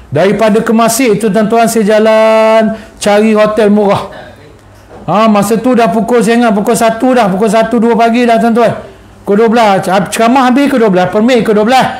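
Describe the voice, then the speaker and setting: A middle-aged man with a Malaysian Malay accent, a religious teacher telling a story in a lecture, animated and repetitive, often turning to address his listeners. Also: sits high. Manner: animated, repeats phrases and addresses the audience often.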